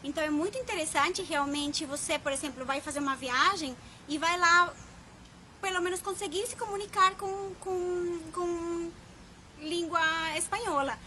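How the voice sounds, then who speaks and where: A Colombian-born woman in her thirties, a Spanish teacher, talks casually to camera in a very high voice. She tells chatty stories and acts out quoted lines. A faint hiss sits under the recording. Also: normal speed, sharp tone. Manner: chatty storytelling with quoted dialogue. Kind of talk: casual vlog talk to camera.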